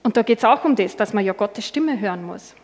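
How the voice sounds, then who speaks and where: A woman's voice: medium pitch, lively intonation, a little fast, darkish tone. A woman with an Austrian accent preaching a sermon in a church hall, personal and conversational, often saying "genau".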